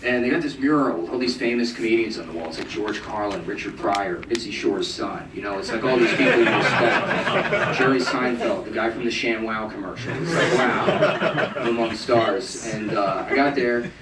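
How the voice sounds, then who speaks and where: A young man performing a stand-up set in a comedy club, deadpan and self-mocking, now and then acting out people in a high mocking voice. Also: moderate pace. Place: comedy club stage with audience laughing. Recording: echoey, distant amateur club recording with loud noise.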